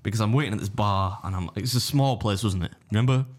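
A man's voice: lowish voice, fast talker. A young man with a Yorkshire accent, co-hosting a podcast and telling a rambling story full of restarts and swearing. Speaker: podcast co-host. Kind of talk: casual chat.

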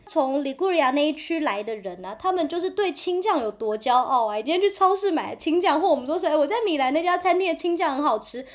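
A woman in casual podcast chat, lively, acting out boastful locals as she talks about food she ate abroad. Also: sits high, fast, hardly any pauses. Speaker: co-host.

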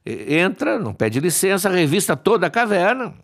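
A man's voice: sits high, very animated, moderate pace. A man casually retelling a myth, chatty and playful, with frequent asides to his listeners. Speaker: storyteller.

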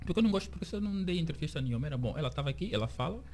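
A man being interviewed on the radio as a series creator, telling his story with lively acted-out quotes of other people. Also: a little high, racing, soft background music. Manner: animated storyteller, acts out quoted dialogue. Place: radio studio.

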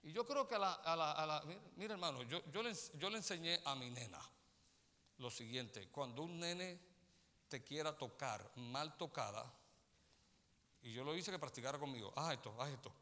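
Animated high-pitched preacher. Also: male voice, moderate pace, long reverb tail. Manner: animated preaching, often calls listeners "brother" and checks they follow. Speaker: pastor. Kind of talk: sermon. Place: church sanctuary.

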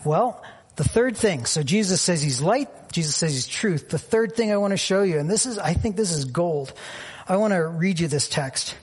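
A man's voice: high-pitched, lively intonation, moderate pace, slightly rough. A man preaching a sermon as pastor, telling personal stories in a reflective way with frequent fillers.

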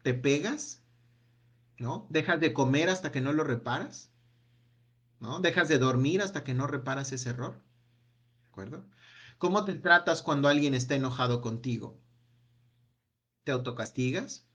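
A man leading a self-help workshop, asking a long run of gentle reflective questions that trail off with a quiet "no?". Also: medium pitch, moderate pace, long pauses. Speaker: workshop speaker.

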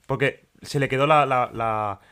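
A man's voice: medium pitch, bright, forceful tone, clean tone. A man telling a long anecdote in casual chat on a podcast, acting out the dialogue as he goes. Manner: rapid storytelling with quoted dialogue. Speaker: podcast co-host.

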